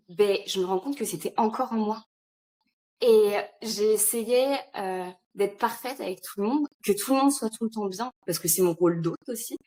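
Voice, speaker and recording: A woman in a casual podcast conversation, talking about her work in a lively, chatty way with frequent fillers and laughs. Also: mid-range voice. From France. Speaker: founder of an entrepreneur retreat, podcast guest.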